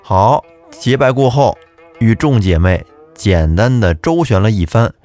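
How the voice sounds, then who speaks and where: Guy telling an old folk tale, talks right to the listeners, animated pitch, faint music. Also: measured pace. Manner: chatty, addresses listeners directly. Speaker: storyteller host. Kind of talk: storytelling narration of a folk tale.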